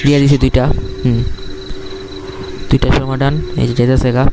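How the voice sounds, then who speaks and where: A man's voice: mid-range voice, flat delivery, fairly quick, background noise. A man with a Bangladeshi accent giving casual horror game commentary to viewers, talking as a scared, jittery streamer who reacts and questions as he plays. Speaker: gaming streamer.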